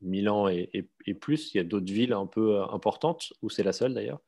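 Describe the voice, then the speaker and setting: This man questions a guest informally and digs deep, though his speech is full of fillers and restarts. His lowish voice is gravelly yet mellow, with lively intonation and a slightly fast pace.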